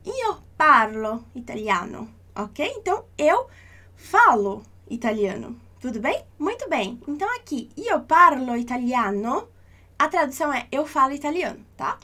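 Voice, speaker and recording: In a high, light voice, a woman teaches a language lesson online. She is patient and reassuring, slowing down to repeat every example, and her tone stays calm and encouraging.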